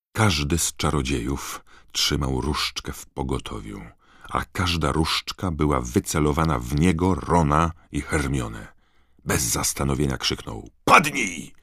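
A man narrating an audiobook in a measured, dramatic reading. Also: rumbling low, no room sound, clean studio sound. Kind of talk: scripted narration.

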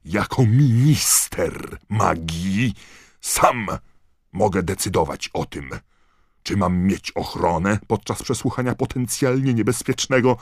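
A man's voice: animated, slow, breathy edge, no room sound, studio quality, full character voice. A man voicing a blustering, panicked male minister of magic who roars in rage. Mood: furious shouting. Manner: roaring, shrill with rage.

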